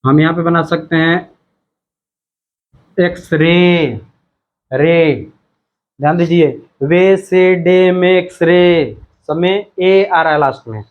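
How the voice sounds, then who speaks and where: A man's voice: fairly high pitch, highs cut off. A male teacher explaining a textbook lesson, repeating himself and reading words out one by one. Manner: slow, repetitive, reads words out one by one.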